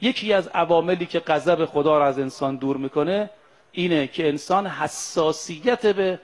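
A man with a notably high voice preaches to a gathering of pilgrims. He chants Arabic prayer lines slowly, then breaks them down in everyday speech, often calling out to the brothers and sisters listening. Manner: slows down to chant Arabic prayers and quotes, then explains them in plain talk; addresses the audience directly, brothers and sisters. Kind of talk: sermon to pilgrims.

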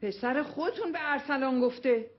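An actress playing a middle-aged mother who insists, quickly and with complaint, that her son was wronged, in a TV sitcom. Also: high-pitched, husky, lo-fi sound. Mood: indignant. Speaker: visiting mother. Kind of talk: TV sitcom acting.

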